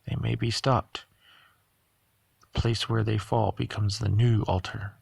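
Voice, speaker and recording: A man reading the measured, explanatory lines of a calm, knowing figure in an audiobook. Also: lowish voice, gravelly, breathy edge, no room sound, full character voice. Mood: grave. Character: calm, knowing male member of the gathering.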